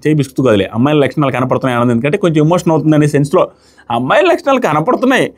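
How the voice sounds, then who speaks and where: A man's voice: fairly high pitch, racing, darkish tone. A man reviewing a reality show episode in a mocking, indignant commentary, acting out the crying he describes. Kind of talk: animated commentary.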